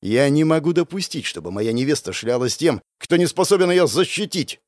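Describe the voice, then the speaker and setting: A man voicing an arrogant young male hero who speaks in a flat, dismissive way in an audiobook. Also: fairly high pitch, fairly quick, no room sound, natural voice. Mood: scornful. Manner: monotone, dismissive.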